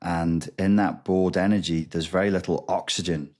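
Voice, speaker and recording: A man with a very low voice, guesting on a podcast as a recovery expert. He lays out ideas patiently and step by step, with plenty of pauses to rephrase. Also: steady tone, a little mellow, slight background noise. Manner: measured, explains step by step, frequent ums and restarts. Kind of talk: explanatory interview talk.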